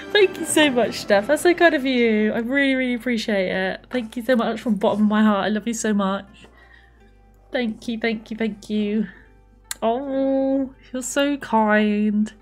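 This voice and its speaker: A woman's voice: fairly high pitch, takes it slowly, long pauses, soft background music. A woman streaming a life-simulation game, chatting casually and gushing thanks to her viewers. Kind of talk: casual gameplay live stream chat.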